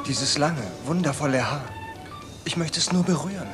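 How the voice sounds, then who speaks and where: A man dubbing a lovesick soap opera character who pines for his former love, speaking softly and pleadingly, with music underneath. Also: a little high, normal speed, lightly acted. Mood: wistful. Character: lovesick man pining for his old flame. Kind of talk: German TV soap dub.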